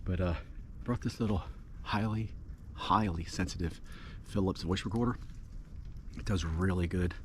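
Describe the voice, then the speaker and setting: A man casually narrating his camping vlog outdoors at night in an informal, halting, unhurried way. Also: low voice. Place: outdoors at night in cold, snowy woods. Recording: noisy outdoor recording with rustling.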